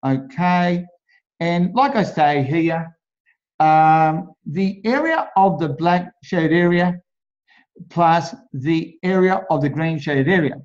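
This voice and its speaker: An Australian man tutoring maths as he works through an exam solution, talking slowly and often repeating and restarting his phrases. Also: fairly high pitch, lively intonation, darkish tone. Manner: slow, repetitive, stops and restarts often. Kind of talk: worked exam solution walkthrough. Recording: dull lo-fi voice-over.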